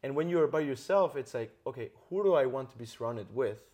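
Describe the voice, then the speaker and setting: A man's voice: medium pitch, animated, a little fast, a little mellow. Earnest man coaching with tag questions. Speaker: podcast host. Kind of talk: interview conversation.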